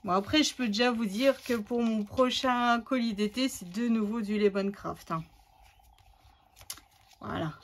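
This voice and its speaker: A woman's voice: fairly high pitch, unhurried, pauses often. A woman hosting a scrapbooking tutorial, chatting casually and thinking aloud as she works, with many fillers.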